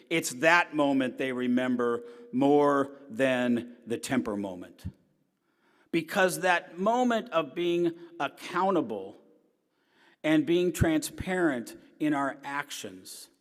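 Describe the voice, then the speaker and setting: Speaking in a large hall with long reverb, a middle-aged man who writes a newspaper column delivers a personal lecture in a loud, strong, slightly high voice. His storytelling is earnest, shifting between forceful emphasis and hushed asides.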